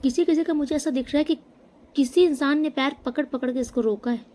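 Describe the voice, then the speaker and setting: A woman giving a tarot reading straight to the viewer, emphatic, often checking in with a quick "okay?". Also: high-pitched, a little mellow. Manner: emphatic, addresses viewer directly with frequent "okay?". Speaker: tarot reader. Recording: faint background noise.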